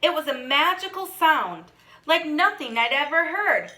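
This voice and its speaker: A woman reading a children's story aloud, with expressive, dramatic storytelling. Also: high voice, unhurried. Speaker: storybook reader. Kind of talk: children's read-aloud narration.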